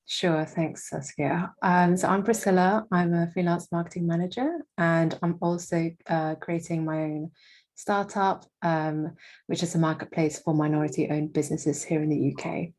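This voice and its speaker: Young woman guest, low and even in pitch, hesitant and full of fillers. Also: normal speed. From Indonesia. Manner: hesitant, many fillers and restarts. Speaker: guest, freelance marketing manager. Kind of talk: casual interview.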